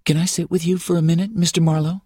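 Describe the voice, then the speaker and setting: A man reading an audiobook, voicing a friendly, persuasive young woman from a small town in a high, breathy voice. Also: flat delivery, fast talker, mellow, dry recording, clean studio sound.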